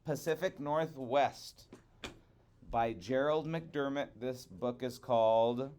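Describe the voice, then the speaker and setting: A mid-range male voice reads a children's picture book aloud in a storyteller's style, deliberate, expressive and dramatically emphatic. There is slight background noise in the recording.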